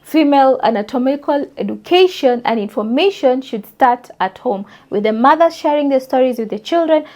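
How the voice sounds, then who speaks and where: A young woman talks straight to her listeners. Her voice sits high, and she is emphatic and forthright, like a podcast host making a point. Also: lively intonation, moderate pace, hardly any pauses, a little mellow. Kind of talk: solo opinion monologue.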